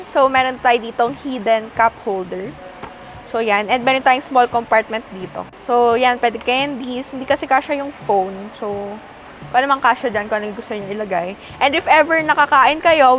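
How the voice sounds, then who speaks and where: A young Filipino woman with a slightly high, somewhat bright voice gives a casual walkaround review from inside a passenger van, chatting and demonstrating as she points out each feature. She's a car review presenter, and the recording is low quality with slight background noise.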